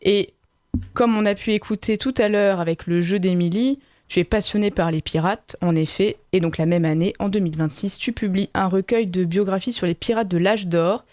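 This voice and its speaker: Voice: medium pitch, normal speed, darkish tone, no room sound, studio quality. A radio host welcoming listeners back and introducing the guest and a song. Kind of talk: radio show hosting. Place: radio studio.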